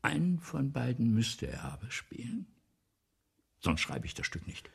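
In a 1970s German radio play, an actor portrays an imperious, failing man of the theatre with a husky, gravelly voice that rasps and creaks badly. Vain, agitated and scornful, he rambles in an unhurried, exaggerated way, his very lively pitch lurching erratically from muttered asides to theatrical tirades.

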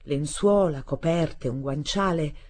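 A woman reading a literary novel aloud in a measured, expressive way. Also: sits low. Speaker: audiobook reader. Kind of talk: literary audiobook narration.

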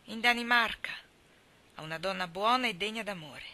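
A woman reading aloud voices a gentle, thoughtful older man who speaks in calm, measured tones. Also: mid-range voice, close to an everyday voice.

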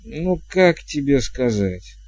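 A man's voice: medium pitch, lively intonation, a little slow, mellow. A man voicing a blunt, wary old witch. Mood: evasive. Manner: curt, evasive replies.

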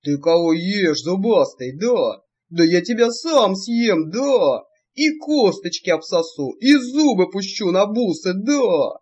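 A woman voicing a loud, boastful male imp who yells threats and brags in a dull lo-fi recording. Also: mid-range voice, expressive, slow, hardly any pauses, husky. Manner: yelling threats, bragging.

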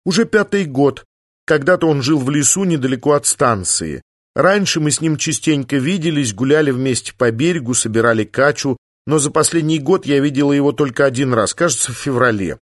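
A man reading an audiobook, voicing a lively young woman biologist who is bold and mischievous, eager and teasing. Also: medium pitch, a little fast, no room sound, studio quality, close to an everyday voice.

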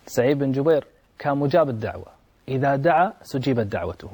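A man delivering an Arabic religious sermon, dramatic, slowing for quoted prayers and verse. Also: medium pitch, dark tone. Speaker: preacher.

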